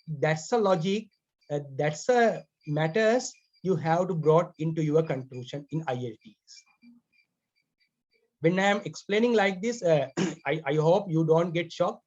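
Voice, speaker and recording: Throat-clearing Sri Lankan man teaching. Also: high-pitched, a little mellow. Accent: Sri Lankan English. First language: Sinhala. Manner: repeats key phrases, clears throat often. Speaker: IELTS writing teacher. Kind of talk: explanatory lecture. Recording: dull lo-fi recording.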